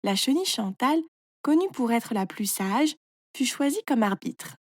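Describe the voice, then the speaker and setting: Woman, children's story narration, clear, measured, fairly high voice, dry close sound. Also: sing-song, no echo.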